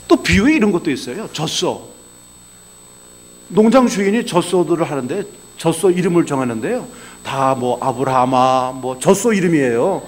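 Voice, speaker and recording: Male pastor, sermon, high voice, very animated pitch, folksy storytelling, quiet asides then bursts of emphasis. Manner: animated storytelling, swinging between low asides and raised exclamations; conversational, folksy.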